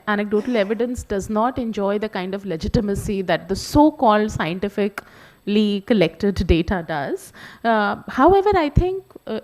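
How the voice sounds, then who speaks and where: A woman answering as a panel expert, measured and thoughtful with occasional fillers. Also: medium pitch, darkish tone.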